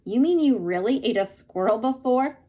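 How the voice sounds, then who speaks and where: A woman's voice: a little high, expressive, normal speed, warm tone, pitched above the performer's own voice. Woman reading as a curious, wary young boy. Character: shy city boy, the first-person narrator.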